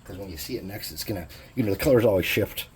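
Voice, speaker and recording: Deep, mellow man talking through a hobby tutorial. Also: fast, slight background noise. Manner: laid-back, chatty, jokey while working. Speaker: crafting channel host.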